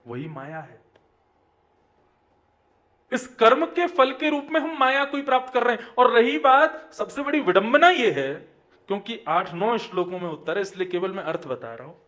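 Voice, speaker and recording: A young man delivers a sermon in a high voice. He pushes his key points up with force and lets the ends of lines fall quiet. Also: sing-song. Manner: sermon delivery with rising emphatic lines and soft dropped endings; chants verses slowly in song. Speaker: preacher.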